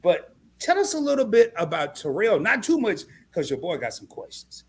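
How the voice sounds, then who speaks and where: A man in his forties from Southeast Arkansas, hosting a live stream interview with animated, chatty storytelling. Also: high voice, normal speed, slightly rough. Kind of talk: casual interview chat.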